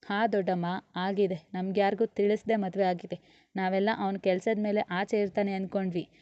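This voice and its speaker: A woman voicing a sharp-tongued young woman, the hero's younger sister, who talks with indignant sarcasm. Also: mid-range voice, flat delivery, moderate pace, dry recording, lo-fi sound, natural voice.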